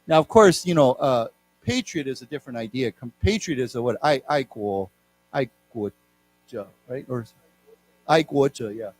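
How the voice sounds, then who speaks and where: A man's voice: medium pitch, expressive, moderate pace. A man, raised in Taiwan, teaching a live English class, explaining words and having the class repeat them. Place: lecture room.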